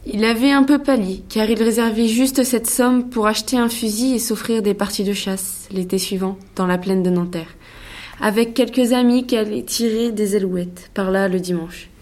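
A woman reads a classic story aloud in a measured, storytelling manner. Her voice sits at an ordinary middle pitch. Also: steady tone, a little mellow. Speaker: narrator. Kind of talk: scripted narration.

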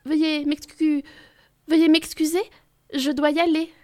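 A woman's voice: high-pitched, little pitch movement, a little slow, darkish tone, no room sound, studio quality. A woman voicing a shy, timid male wolf who stammers politely in a storybook. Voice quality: timid, hesitant. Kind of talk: storybook reading.

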